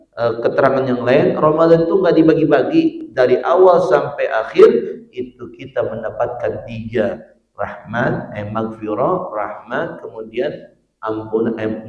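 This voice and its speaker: A man's voice: medium pitch, moderate pace, lo-fi sound. A man preaching a dawn mosque sermon, joking with the congregation and building to fervent emphasis. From Cibitung, Indonesia. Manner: jokey, quizzes the congregation, rises to fervent emphasis. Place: mosque hall. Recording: echoey mosque, mic at a distance.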